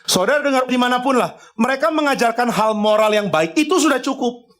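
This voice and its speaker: A man's voice: very high voice, lively intonation, a little fast, fairly bright tone. A male pastor preaching a sermon, conversational and emphatic, acting out little dialogues with the congregation. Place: church.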